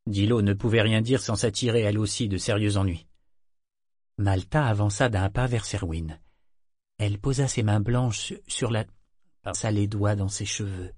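A man narrating a novel in a measured, steady storytelling voice. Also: fairly low pitch, no echo, studio quality. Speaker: audiobook narrator. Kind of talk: scripted narration.

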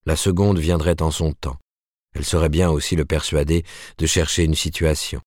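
A man narrating a novel aloud in a measured, even storytelling manner. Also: rumbling low, no room sound, studio quality. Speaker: audiobook narrator. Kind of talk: scripted narration.

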